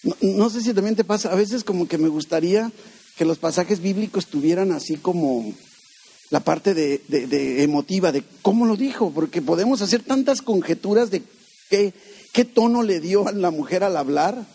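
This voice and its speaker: Man preaching, husky tone, high-pitched, reverberant hall, rhetorical questions. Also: animated, normal speed, dark tone. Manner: rhetorical questions, acts out quoted voices. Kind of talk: conversational sermon.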